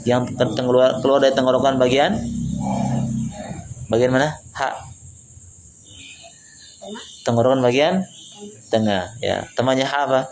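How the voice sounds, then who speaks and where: A man's voice: mid-range voice, steady tone, normal speed, pauses often, darkish tone, a little hiss or hum. A man teaching Quran recitation rules, patiently repeating and drawing out syllables to demonstrate pronunciation. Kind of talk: tajwid lesson, modeling pronunciation.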